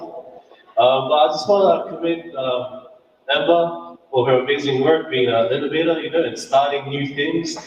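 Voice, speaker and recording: A New Zealand man with a mid-range, darkish voice gives a casual, chatty guest talk in an event hall, laughing and poking fun at himself. The recording is distant and echoey with some noise.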